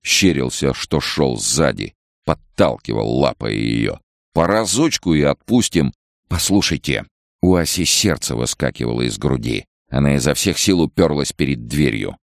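Very deep gravelly male narrator. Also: lively intonation, moderate pace, no echo, clean studio sound. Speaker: audiobook narrator. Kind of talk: scripted narration.

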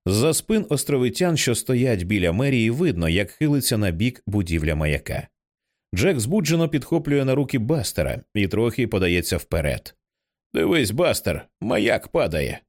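A man narrating an audiobook in an expressive reading style, changing his voice for the characters. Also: mid-range voice, normal speed. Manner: expressive, acts out many characters. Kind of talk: scripted narration.

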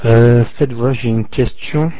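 A man's voice: medium pitch, steady tone, normal speed, no echo. A man calling in to ask a question of a teacher, speaking hesitantly with many fillers. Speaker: caller asking a question. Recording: dry phone-like line.

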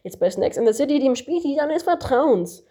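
A woman's voice: sing-song, normal speed, warm tone. A woman doing a kangaroo's peppy advert voice. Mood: salesy. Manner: overly peppy salesy pitch. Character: kangaroo faking a pushy advert announcer.

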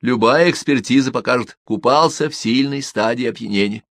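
Man voicing a gravelly gang boss in an audiobook, slow, threatening, dry close sound. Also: mid-range voice, fairly bright tone, no echo, voice pushed up, natural voice. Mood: menacing. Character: menacing middle-aged male gang boss.

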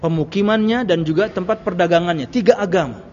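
An Islamic preacher lectures a congregation in a conversational style, repeating phrases, posing rhetorical questions and telling anecdotes. His high-pitched, slightly mellow voice moves a little fast, and the recording is muffled and reverberant with a slight hiss or hum.

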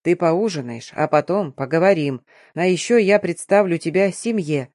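An audiobook reader voicing a patient, tender middle-aged father with a slow, calm delivery. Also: mid-range voice, no room sound, clean studio sound, natural voice. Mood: firm. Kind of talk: audiobook reading.

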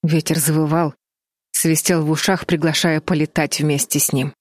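Low-voiced woman audiobook narrator. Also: normal speed, no echo, studio quality. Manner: steady, dramatic storytelling. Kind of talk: scripted narration.

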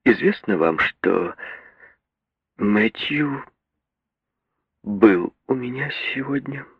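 A man voicing a proud young woman, prim and icy in manner, who breaks into sobbing, shrill outbursts, in a literary reading. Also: expressive, drawn-out words, husky, no echo, full character voice. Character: proud young woman, stiff, then hysterical. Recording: dull, muffled radio recording.

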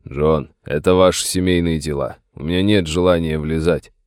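Man reading a calm, firm sheriff. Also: rumbling low, moderate pace, clean tone, no room sound, clean studio sound. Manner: gentle but firm. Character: steady middle-aged male sheriff, calm and firm.

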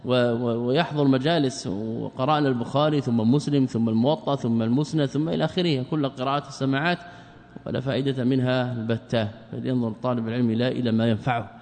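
A man's voice: mid-range voice, steady tone, fast talker, darkish tone. A man teaching a classical book in a lecture, often asking rhetorical questions and repeating phrases. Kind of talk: lecture explaining a text. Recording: long hall reverb.

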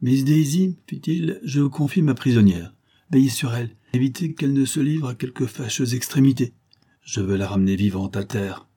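A man's voice: mid-range voice, normal speed, warm tone, breathy edge, voice pushed up. A male narrator voicing a noble young avenger who speaks imperiously and with authority. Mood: firm.

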